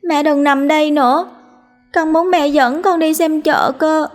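A woman's voice: high voice, steady tone, measured pace, soft background music, pitched above the performer's own voice. A woman voicing a small child tearfully begging a dying mother to wake. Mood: tearful pleading. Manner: pleading, tearful.

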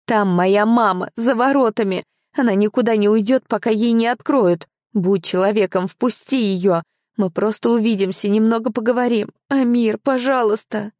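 A defiant young bride near tears, played by a woman reading an audiobook, her voice pushed up high and strained as she pleads and protests. The sound is dry and close, with a mellow, dark undertone. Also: moderate pace, no room sound, natural voice. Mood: begging. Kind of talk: audiobook character voice.

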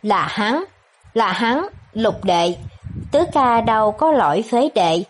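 A woman reading the lines of a scheming young prince who shouts in feigned grief and pleads over and over, in her own everyday voice. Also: high voice, big pitch swings, slow pace, slight background noise, exaggerated voice. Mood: anguished.

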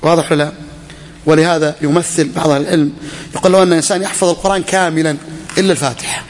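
Man, religious teacher, quick speech, questions the class, long hall reverb. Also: a little high, fairly even intonation. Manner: questions students and repeats key phrases. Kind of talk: classroom lecture on a legal text. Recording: echoey hall.

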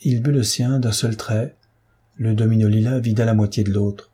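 A man reads a historical novel aloud as an audiobook narrator, telling the story in a measured, even way. His voice is fairly low and slightly rough.

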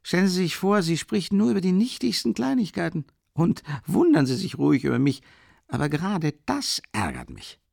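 Guy putting on a chatty worldly middle-aged man, voice pushed higher, gravelly edge, rambling on. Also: huge pitch swings, moderate pace, a little mellow, dry recording, studio quality, heavily acted. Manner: raised, wondering, chatty voice. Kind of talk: audiobook character reading.

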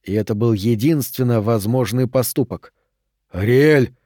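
A man reading a novel aloud in a measured, even storytelling manner. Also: mid-range voice, no echo, studio quality. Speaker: audiobook reader. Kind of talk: scripted audiobook narration.

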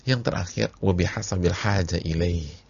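Gravelly low-voiced preacher. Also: male voice, moderate pace. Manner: animated, casual slang, swings loud to soft. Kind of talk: sermon. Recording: dull lo-fi audio recording.

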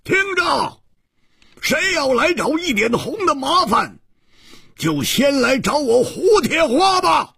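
A man voicing a hot-headed young male swordsman who shouts and blames himself, in a storytelling performance. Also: very high voice, very animated, slow pace, vocal fry, no echo, studio quality, voice pushed up, full character voice. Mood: roaring. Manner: shouting, self-reproaching outbursts.

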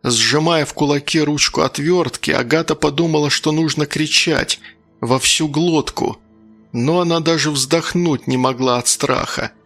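A male narrator reads a dark story in a measured, deliberate way. His voice is gravelly and a bit higher than typical, with faint music playing beneath the reading. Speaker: audiobook narrator. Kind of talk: dramatic audiobook reading.

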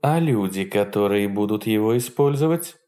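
A man voicing a mild-mannered, soft-spoken male security chief, speaking slowly and gently in an audiobook reading. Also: lowish voice, lively intonation, natural voice. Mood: calm. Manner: slow, soft purring delivery.

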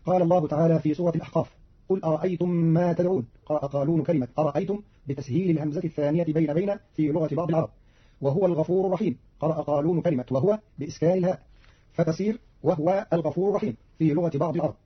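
Fast, husky-voiced male radio presenter. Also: on the high side. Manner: brisk formal reading. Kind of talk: scripted explanatory narration. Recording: dull lo-fi archival radio recording.

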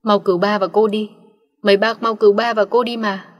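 A terrified four-year-old boy begging strangers to help, as a woman narrator puts him on. The plea comes slightly higher and louder than her narration. A long, echoing reverb surrounds the story recording. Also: flat delivery, a little fast, natural voice. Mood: pleading. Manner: pleading.

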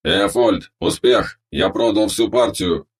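Cheerful male robot cook, put on by a male reader: deep, raspy voice, storybook delivery. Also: sing-song, slow, heavily acted. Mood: proud. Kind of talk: audiobook character voice.

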